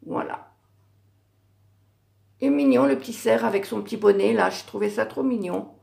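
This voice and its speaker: A middle-aged woman showing her handmade Christmas cards in a casual craft vlog, hesitant with many fillers and self-corrections, her voice going hoarse. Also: medium pitch, fairly even intonation, normal speed, a little mellow. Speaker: craft YouTuber.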